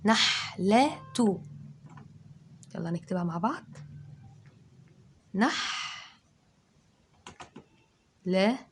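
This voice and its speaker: A woman teacher with an Egyptian accent, giving a dictation lesson to children and sounding words out syllable by syllable, loud and drawn out. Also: mid-range voice, lively intonation, drawn-out words, long pauses, slight background noise. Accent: Egyptian Arabic.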